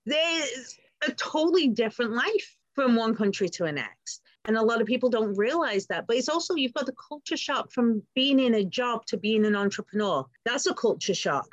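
A woman's voice: a little high, no echo. A woman from the UK with a British accent, hosting a podcast conversation in an agreeable way that builds on her guest's points. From United Kingdom. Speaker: podcast host.

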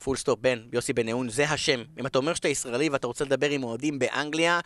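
A man's voice: mid-range voice, a bit bright. A man with an Israeli accent talking casually as a football broadcaster being interviewed, emphatic and repeating phrases for stress. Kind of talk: casual podcast conversation.

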